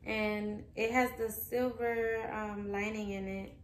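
A woman's voice: mid-range voice, level tone, takes it slowly, background noise. Chatty woman in an echoey room. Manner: chatty, showing items one by one. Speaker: vlogger. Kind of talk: casual haul chat. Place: living room, indoors. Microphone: camera across the room.

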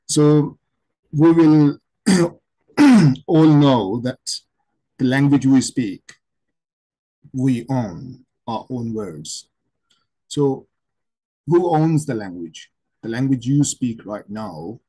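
A middle-aged Pakistani man whose native language is Urdu teaches English online, speaking to camera from a home room with plants and shelves. His Pakistani-accented voice is medium in pitch and warm with a breathy edge. He explains slowly and repeats himself with many pauses, and the recording is rough.

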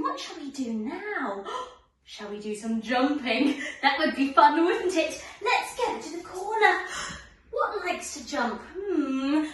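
A young pre-school ballet teacher talks to small children in a living room with a wooden floor, mixing lesson and storytelling. Her very high, fairly bright voice is sing-song, like an overbright kids' party host, full of coaxing questions and exaggerated oohs. A camera a few metres away catches roomy echo and faint music.

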